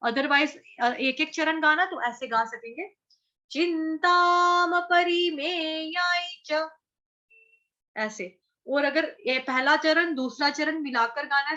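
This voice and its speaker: A woman teaching Sanskrit verse chanting, patiently breaking words into syllables and chanting them slowly. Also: sits high, sharp tone, muffled recording. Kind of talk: chanting lesson, syllable-by-syllable instruction.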